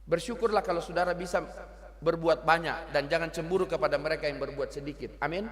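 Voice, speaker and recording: Preaching fast in a high voice, the middle-aged pastor keeps things lively and teasing while sprinkling local words through the sermon. His speech rings with a long church reverb.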